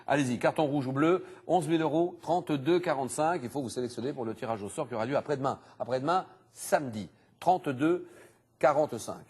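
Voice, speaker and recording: A man hosting a TV quiz show, animated and exclamatory, reading clues and teasing contestants in a studio. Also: medium pitch, brisk, breathy edge.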